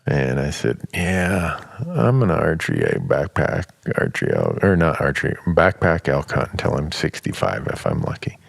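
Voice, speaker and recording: Very deep gravelly man in his fifties. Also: moderate pace, hardly any pauses, dry recording, clean studio sound. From Montana. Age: 50s. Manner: relaxed, matter-of-fact explaining. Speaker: podcast co-host. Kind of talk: casual chat.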